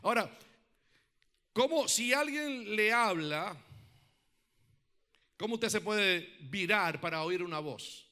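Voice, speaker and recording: A man preaching a sermon who calls on the congregation to respond, asks many rhetorical questions, and swings from loud emphatic peaks to quiet, reflective passages. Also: high-pitched, lively intonation, takes it slowly, pauses often. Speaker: pastor.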